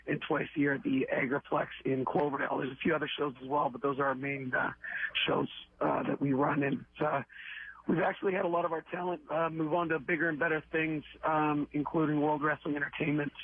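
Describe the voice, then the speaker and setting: A man with a gruff, hoarse voice from a weekend of yelling, calling in as a wrestler guest and talking with many hesitant fillers. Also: a little high, no echo. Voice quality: gruff, rough voice. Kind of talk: phone-in radio interview. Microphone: phone line. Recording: tinny phone line.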